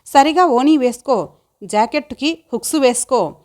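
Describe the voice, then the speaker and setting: Woman reading as a gently scolding mother. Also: sits high, lively intonation, moderate pace. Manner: mildly scolding. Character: middle-aged village mother, gently scolding.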